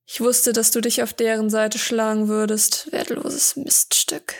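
A woman voicing a cruel old hunchbacked male sorcerer, lowering her voice to a slow, sneering drawl. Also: fairly even intonation, vocal fry.

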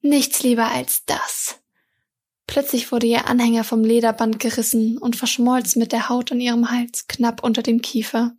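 Breathy woman reading a fantasy tale. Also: a little high, flat delivery, moderate pace, few pauses, a little mellow. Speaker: audiobook reader. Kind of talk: reading a fantasy story aloud.

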